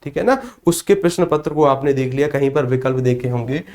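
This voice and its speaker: A man teaching a spoken grammar lesson, sounding out letters slowly and putting questions to the class that he then answers himself. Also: mid-range voice, a little mellow. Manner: explains by asking questions and answering them himself. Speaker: Hindi teacher.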